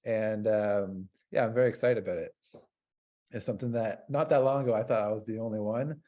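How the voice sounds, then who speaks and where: A man's voice: lowish voice, a little fast, mellow, lo-fi sound. A man from North America, a dairy farmer hosting an interview, talking in a hesitant, rambling way with lots of fillers. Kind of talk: casual interview chat.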